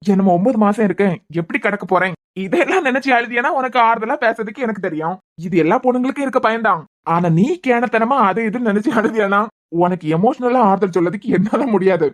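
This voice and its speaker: A woman voicing a devoted young husband who is a hospital head, speaking in a Kanyakumari Tamil accent, bantering fast and turning stern at times. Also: on the high side, close to an everyday voice. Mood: teasing. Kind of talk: cartoon web series voice acting.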